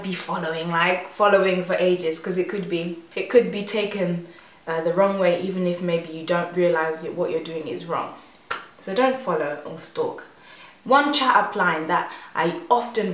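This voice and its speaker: A young woman from Uganda telling a personal story to camera in a chatty, animated way, with plenty of fillers and restarts. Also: on the low side, far from the mic. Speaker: vlogger. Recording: echoey room.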